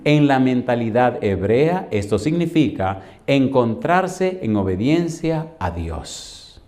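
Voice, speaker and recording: A Dominican pastor in his fifties preaches in a loose, colloquial way, calling his listeners "compadre". He tells his stories with frequent laughter and acts out the dialogue in sudden high and low voices. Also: takes it slowly. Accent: Dominican Spanish. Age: 50s. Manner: animated, laughs often, acts out dialogue with pitch jumps. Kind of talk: lively storytelling sermon.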